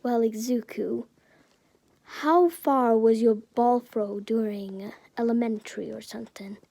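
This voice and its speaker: Sleepy gruff male teacher, slow and dark; a woman puts him on. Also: fairly high pitch, dry recording. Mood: drowsy.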